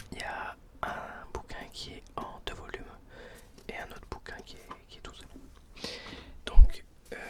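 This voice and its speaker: Whispering man, right in your ear. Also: recorded from a distance. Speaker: ASMR video host presenting old books. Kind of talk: whispered ASMR. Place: indoors at home. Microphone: close binaural microphone.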